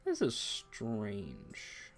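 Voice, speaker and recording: A man's voice: on the low side, wildly swooping pitch, very slow, soft background music. A man giving casual, chatty commentary while playing a romance game. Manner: chatty, reads text aloud. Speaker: let's play host. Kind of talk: gameplay commentary.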